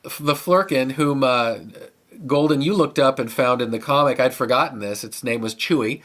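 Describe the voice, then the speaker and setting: Man, podcast co-host, mid-pitch, talks enthusiastically and rambles with restarts. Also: moderate pace, a bit bright. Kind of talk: casual chat.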